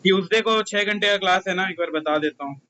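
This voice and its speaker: A man's voice: sits high, brisk, sharp tone, low-quality recording. A young Indian man, a commerce tutor, talking casually with his class and teasing his students.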